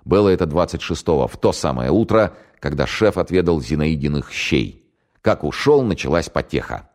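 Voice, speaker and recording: A man narrating a spy novel in an expressive, wry storytelling manner. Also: a bass voice, normal speed. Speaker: audiobook narrator.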